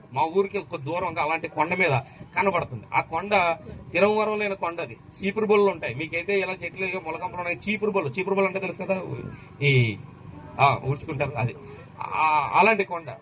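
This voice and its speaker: A man's voice: high-pitched, a bit bright, slight background noise, rough recording. A man from Andhra Pradesh preaching an impassioned sermon, firing rhetorical questions at the crowd and calling out hallelujah. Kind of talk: fervent sermon.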